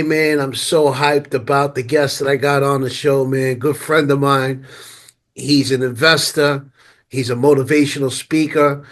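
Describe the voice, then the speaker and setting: A man hosting a podcast interview, hyped and slangy, often repeating words as he gets a sentence started. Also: mid-range voice. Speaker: podcast host. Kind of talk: casual interview chat.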